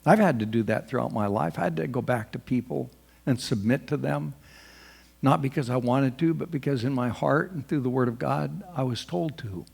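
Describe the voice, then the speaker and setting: A man's voice: medium pitch, moderate pace, vocal fry, a little mellow, slightly rough. A man preaching a sermon as pastor, reading scripture aloud and rising in force on the quoted lines.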